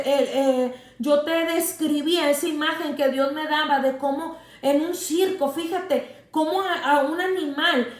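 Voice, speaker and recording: A woman's voice: very high-pitched, echoey room. A middle-aged woman preaching a livestreamed sermon from home, fervent and repeating phrases for emphasis. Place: seated indoors at home.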